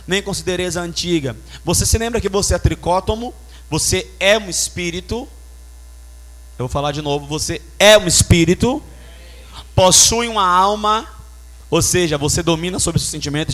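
Male pastor, high voice, punchy sermon delivery with vocal sound effects. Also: fairly bright tone. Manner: emphatic, storytelling with sound effects.

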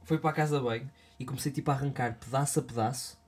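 A man's voice: medium pitch, very fast. A young man with a European Portuguese accent, co-hosting a podcast in casual, teasing banter with a friend. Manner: teasing, playful, animated in bursts. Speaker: podcast co-host.

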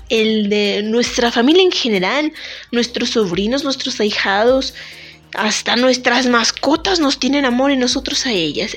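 A woman hosts a relaxed solo talk show, teasing herself and her listeners. Her voice sits a little high, and faint music plays behind her. She is a bit under the weather but keeps the chatter loose and playful. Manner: chatty, joking, self-deprecating. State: sick. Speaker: podcast host. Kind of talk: casual monologue to listeners. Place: temporary recording spot.

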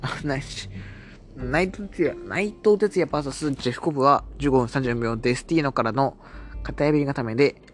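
Male solo host, chatty recap delivery, middle-pitched voice, faint music underneath. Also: moderate pace. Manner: chatty, recaps promos in a lightly mimicking tone. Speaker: podcast host reviewing wrestling shows. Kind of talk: casual solo commentary.

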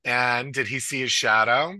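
Bright-voiced playful male podcast host. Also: medium pitch, measured pace, no echo. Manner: jokey, laughs easily, animated. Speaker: podcast co-host, speech therapist. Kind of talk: playful casual chat. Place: New York City.

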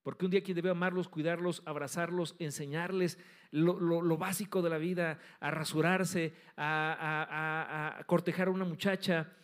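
A middle-aged man preaching a sermon as pastor, emphatic, swinging between loud stresses and soft drops. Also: a little high, fairly even intonation, moderate pace.

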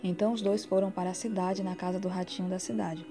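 A woman volunteer reading children's fables aloud in an even, steady way. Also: fairly low pitch, quick pace. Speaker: volunteer reader. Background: music.

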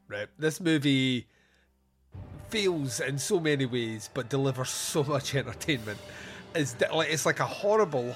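A man's voice: mid-range voice, fairly bright tone. A man hosting a film podcast, chatting casually in a rambling, enthusiastic, sweary way. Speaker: podcast host.

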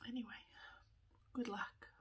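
A woman in her thirties, tearful with a running nose, talking candidly in a personal vlog, often in a breathy whisper and pausing as she goes. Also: a bit bright, a little hiss or hum. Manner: slow, halting, candid, with small laughs. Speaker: vlogger.

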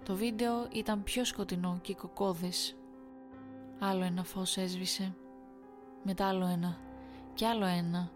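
A woman reading a first-person horror story aloud in a measured, suspenseful storytelling manner. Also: mid-range voice, fairly even intonation, over music. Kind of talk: scripted horror story narration.

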